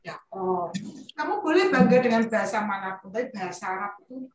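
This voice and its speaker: A woman's voice: mid-range voice, animated, a little fast. Chatty woman teacher, echoey room. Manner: chatty, playful, teasing asides to pupils. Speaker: primary school teacher. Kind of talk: classroom lesson. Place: classroom. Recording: echoey room from far off, faint noise.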